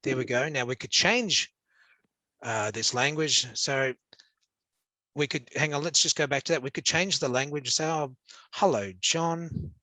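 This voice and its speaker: A man's voice: mid-range voice, normal speed, long pauses, pushed and bright, no echo. An Australian man teaching an interactive class, upbeat and joking as he hands out quiz points to encourage his students.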